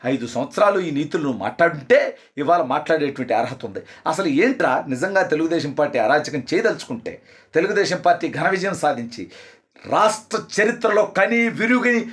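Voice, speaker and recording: A man delivering an angry political rant, hurling insults and rapid-fire accusations. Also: a little high, animated, a bit bright. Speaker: political party supporter.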